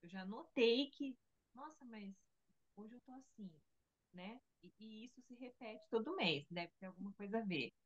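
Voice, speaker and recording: A woman's voice: a little high, expressive, normal speed. A woman asking a hesitant question on a video call, repeating small words and trailing off as she searches for them. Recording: dull lo-fi video-call audio.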